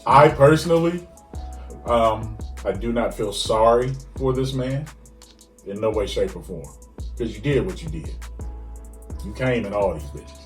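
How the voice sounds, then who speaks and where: A man's voice: fairly low pitch, expressive, measured pace, pauses often, roomy sound, far from the mic, faint music behind. A man co-hosting a podcast, ranting in casual chat with frequent stammered restarts. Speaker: podcast co-host.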